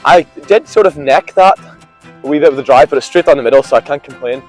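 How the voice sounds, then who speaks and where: A man's voice: a little high, quick pace, darkish tone, faint music behind, low-quality recording. A young man chatting casually and commenting on his golf round outdoors, sounding hungover and short of sleep. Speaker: golf vlogger. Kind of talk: casual chat and on-course commentary.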